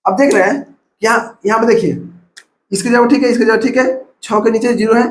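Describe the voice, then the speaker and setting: A man's voice: extremely high pitch, steady tone, fairly quick. A man from India with a Bihari Hindi accent, teaching a math lesson step by step and counting numbers aloud. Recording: echoey room.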